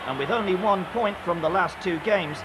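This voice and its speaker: A man delivers scripted sports narration as a voice-over. His voice is high-pitched for a man. Heavy noise runs behind him. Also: normal speed. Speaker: season review narrator.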